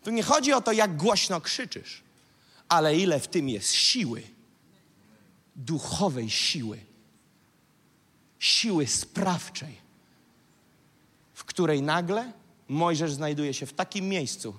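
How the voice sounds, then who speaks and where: Animated pastor preaching in a hall. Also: male voice, on the high side, takes it slowly, long pauses, breathy edge. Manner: dramatic, acts out mocking voices and shouts. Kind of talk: sermon. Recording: church hall reverb.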